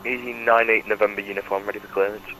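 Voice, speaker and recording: A man's voice: fairly low pitch, flat delivery, very fast, sharp tone, soft background music, rough recording. A man speaking as a pilot over a headset radio, giving clipped air traffic readbacks.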